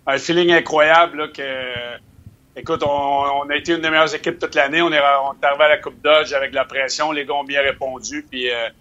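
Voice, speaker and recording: A man with a Québécois accent, a hockey coach and analyst, talking in a quiet, relaxed, chatty way over a remote line. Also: a little high, fairly quick. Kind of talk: casual chat by remote line. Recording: dull lo-fi remote mic.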